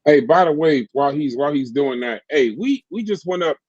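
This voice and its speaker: A man's voice: on the high side, expressive, fairly quick, darkish tone. A man co-hosting a live stream with casual chat, on slightly lo-fi audio. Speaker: stream co-host.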